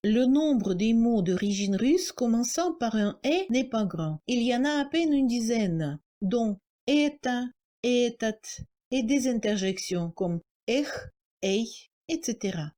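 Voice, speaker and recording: A woman's voice: fairly high pitch, expressive, warm tone. A woman with a Russian accent, a native Russian speaker, giving a scripted pronunciation lesson and sounding out example words carefully. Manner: slow, careful, articulating example words one by one. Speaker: language teacher.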